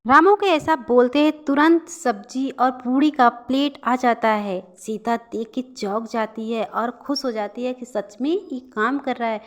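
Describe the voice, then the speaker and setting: A woman tells a storybook cartoon tale with an expressive, lively reading. Her voice sits fairly high. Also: a little slow, few pauses. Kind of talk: storybook narration.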